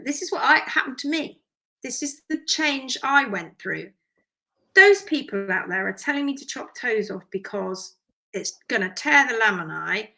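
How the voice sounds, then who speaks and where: Reading viewer comments aloud in a live chat, a woman from the UK who teaches hoof care talks with lively emphasis and quick side remarks. Her slightly high voice is rough and hoarse from vocal strain but remains bright and strong.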